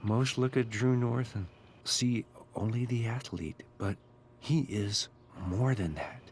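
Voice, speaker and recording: An actor playing a creepy, cryptic school groundskeeper in a video game, with a throaty, Muppet-like voice and a slow, ominous, philosophical drawl. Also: male voice, darkish tone. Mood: cryptic, solemn. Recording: clear background ambience with low rumble.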